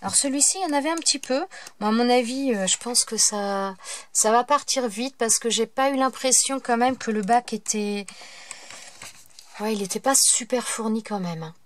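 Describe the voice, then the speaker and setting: A woman's voice: fairly high pitch, moderate pace, slight background noise. A woman from France chatting casually in a haul video, hesitant and full of fillers as she shows her craft purchases. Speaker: craft vlogger.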